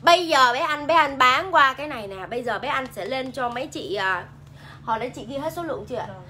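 An animated, fast-talking woman with a sharp, highish voice and a Southern Vietnamese accent hosts a casual live sales stream. She reads viewer comments aloud and pushes products, with slight background noise in the clip.

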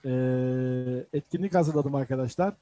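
Slow, patient Turkish man teaching words. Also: medium pitch, dark tone, dry recording, lo-fi sound. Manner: slow, repeats each word several times for learners. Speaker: language teacher. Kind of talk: online language lesson.

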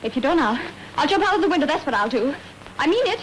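A woman's voice: sits high, big pitch swings, fast, a bit bright, low-quality recording. A woman with a Southern American accent playing a scared young witness who pleads timidly, in 1930s film acting. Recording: old film soundtrack with faint hiss.

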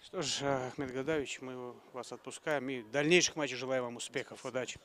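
A man in his thirties conducting post-match interviews outdoors into a handheld microphone, phrasing his questions a bit haltingly. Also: mid-range voice, steady tone, fairly bright tone. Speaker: sports interviewer. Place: outdoors at a football stadium.

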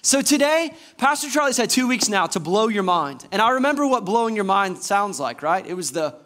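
On a church stage before a screen, a man from Georgia in his thirties, serving as assistant pastor, delivers an energetic sermon. Gesturing broadly and full of enthusiasm, he puts questions to the congregation in a high-pitched voice at a slightly fast pace.

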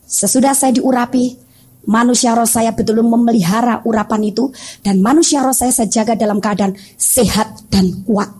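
A woman's voice: a little high, normal speed, slight background noise. A woman pastor preaching a sermon, telling stories and acting out the voices of the people in them. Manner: animated, acts out voices in her stories. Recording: radio broadcast.

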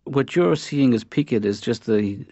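A middle-aged man voicing a mild-mannered cartoon therapist who talks softly and haltingly with a dry wit. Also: medium pitch, expressive, no echo. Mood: wry. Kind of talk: animated sitcom dialogue. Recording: dull lo-fi, dry studio.

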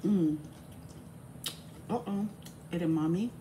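Woman talking while chewing, slow and low. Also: noisy background. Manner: slow, savoring, addresses viewers as y'all. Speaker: mukbang host. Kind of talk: casual eating-show chat.

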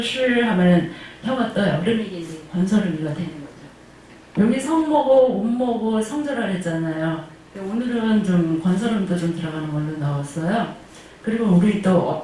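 A woman's voice: medium pitch, darkish tone, distant mic. A woman teaching Chinese pronunciation in an online lesson, drilling tones aloud and asking her class questions she answers herself. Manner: demonstrates tones and sounds aloud, sometimes singing them. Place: classroom of a senior welfare center. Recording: very echoey room, voice from afar, faint noise.

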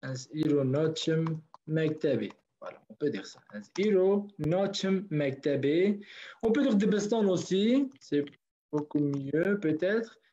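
Patient male language teacher on a video call, slow and mellow, dull lo-fi sound. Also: fairly high pitch, expressive, slight background noise. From northern Kurdistan. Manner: patient, repeats words slowly for students. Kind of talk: online class. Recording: dull lo-fi online call audio.

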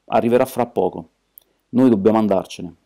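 A man reading the part of a small, gentle priest detective who speaks calmly and quietly. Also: lowish voice, moderate pace, lightly acted. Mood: curt. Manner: calm, mild, quietly firm.

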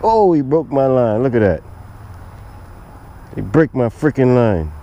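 A man filming himself fishing from a lakeshore with a head-mounted camera, talking excitedly to the fish as he reels them in. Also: mid-range voice, measured pace, dull audio, a little hiss or hum. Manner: talks to the fish while reeling. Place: outdoors on a lakeshore. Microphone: head-mounted action camera.

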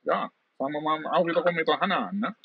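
A man's voice: fairly high pitch, animated, fast talker, vocal fry, slightly rough, no room sound, recorded from a distance, highs cut off. A middle-aged man hosting an interview over a video call, chatty with many fillers. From southern Germany. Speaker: talk show host. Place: room at home with plants.

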